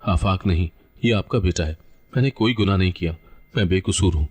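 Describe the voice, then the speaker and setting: A man's voice: low-pitched, fairly quick, breathy edge. A man voicing a desperate young wife who pleads and cries out. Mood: pleading. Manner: pleading, crying out.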